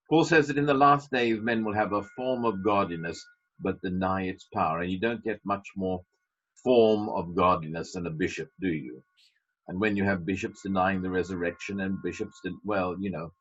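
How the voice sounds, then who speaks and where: A British man preaches a sermon as a pastor, speaking emphatically and slipping in wry asides. His voice is low-pitched, husky, and fairly bright in tone. The recording is dull and lo-fi.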